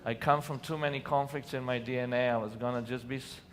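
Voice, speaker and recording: At a quick pace and with fairly even intonation, a mid-range male voice with an Israeli accent tells personal stories on a lit stage in a large conference hall. The Israeli speaker is earnest and given to sudden emphatic bursts, and the recording holds distant hall reverb and a little room noise.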